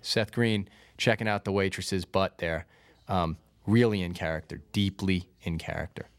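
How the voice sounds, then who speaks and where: A man's voice: sits low, moderate pace, no room sound. A man giving casual, anecdotal film commentary as a filmmaker, close on the microphone. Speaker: filmmaker and screenwriter.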